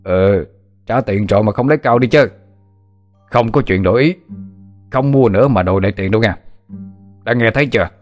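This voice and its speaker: A male narrator playing a domineering village tyrant, blunt and threatening as he gives orders. The voice sits low and firm. Faint music runs beneath it. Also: fast talker, long pauses, natural voice. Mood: menacing. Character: tyrannical male village official, menacing bully. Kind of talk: storytelling.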